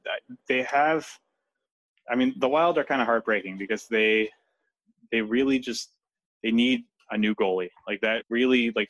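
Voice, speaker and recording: A man's voice: on the low side, a bit bright, no room sound, rough recording. A man talking hockey as a podcast guest, loose and chatty, full of fillers and restarts. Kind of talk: casual podcast chat.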